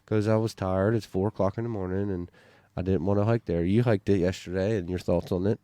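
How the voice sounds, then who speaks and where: A man's voice: sits low, steady tone, brisk, warm tone, no room sound. A man in casual podcast chat, telling a story in a rambling way with lots of fillers and restarts. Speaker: bowhunter on a hunting podcast.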